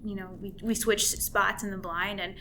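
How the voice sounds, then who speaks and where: A woman, a guest in an interview, telling a hunting story in an animated way and laughing often. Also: mid-range voice, normal speed, a little hiss or hum, rough recording. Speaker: guest, volunteer hunting mentor.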